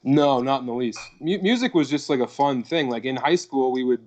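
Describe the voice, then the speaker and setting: A man's voice: medium pitch, animated, a little fast, a little mellow. A man in his thirties from Colorado, a guest comedian chatting casually on a video call, rambling and swearing with lots of "like" and "dude". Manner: rambling and profane, leans on "like" and "dude". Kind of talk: casual podcast chat.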